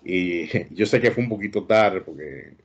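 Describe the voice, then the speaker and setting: A man's voice: low-pitched, a little slow, husky, dull audio. A man hosting an interview, earnest and cautionary in tone. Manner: earnest, warning tone. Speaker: host.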